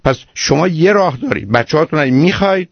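A man's voice: fairly high pitch, expressive, gravelly, dry recording, dull audio. A man hosting a radio call-in advice show, lecturing a caller sternly and emphatically.

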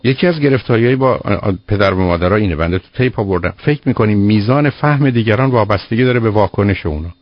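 A man's voice: lowish voice, hardly any pauses, no echo. A man giving firm child-rearing advice to a caller on a call-in show, explaining with everyday examples. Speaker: child psychologist answering a caller. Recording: dull lo-fi radio broadcast.

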